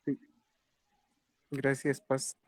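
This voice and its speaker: A man's voice: medium pitch, monotone, very slow, darkish tone. A man from the church's broadcast team talking politely and apologetically on a call. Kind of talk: casual call.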